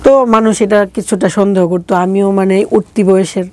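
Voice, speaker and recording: Her mid-range, mellow voice keeps a fairly even intonation and a moderate pace. She's an interview guest with a regional Bangladeshi accent, chatting colloquially through her life story and performing the dialogue she remembers. The recording is dry.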